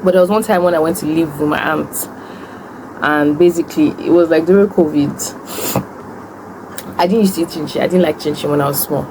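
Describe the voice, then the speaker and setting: A woman's voice: sits low, steady tone, a little fast, noisy background. A young woman with a Nigerian accent chats casually and tells stories while eating, answering questions as a food vlogger. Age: young adult. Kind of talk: casual mukbang chat, storytelling and answering questions.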